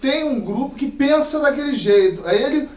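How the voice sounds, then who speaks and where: A man with a high voice speaks casually in a class discussion, working through examples. He sits far from the microphone in a roomy, echoing classroom, with a faint hiss underneath. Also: expressive, moderate pace, darkish tone. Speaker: student. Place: university classroom. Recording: roomy classroom, distant mic.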